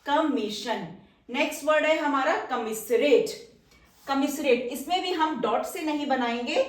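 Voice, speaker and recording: A woman teaching shorthand, explaining step by step and patiently repeating each word slowly as she writes it. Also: high voice. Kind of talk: explaining step by step while writing outlines. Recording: roomy echo, mic somewhat distant.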